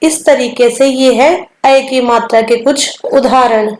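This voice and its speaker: Slow, high-voiced woman teaching Hindi. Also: fairly even intonation, darkish tone, reverberant, rough recording. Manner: repeats each sound slowly and clearly. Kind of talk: slow instructional lesson.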